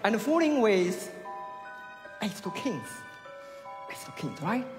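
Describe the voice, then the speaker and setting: A man in his thirties, a native Chinese speaker, gives halting showman patter in English as a stage magician. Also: sits high, big pitch swings. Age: 30s. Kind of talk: talent show magic performance patter. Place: large theatre stage with audience. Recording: reverberant theatre with crowd and music.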